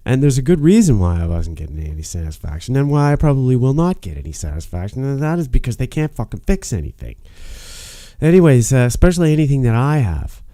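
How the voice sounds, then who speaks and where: A man talking to camera in a rambling monologue, frustrated and swearing, halting with many fillers and restarts. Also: medium pitch, mellow, dry recording. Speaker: vlogger.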